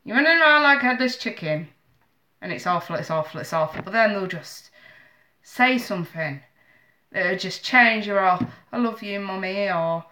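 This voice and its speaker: Streaming live from a cramped home office, a woman in her thirties who reads tarot talks casually to her viewers, sounding congested, emotional and apologetic. Her medium-pitched voice is pushed and bright, with lively intonation and a moderate pace, captured by a webcam at her desk.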